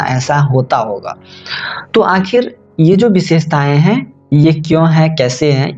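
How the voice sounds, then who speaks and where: A man's voice: on the high side, darkish tone, muffled recording. A man, an online tutor, giving a lecture and explaining a grammar topic, often repeating and correcting himself as he speaks to his viewers as friends. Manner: repetitive, self-correcting, addresses viewers as friends.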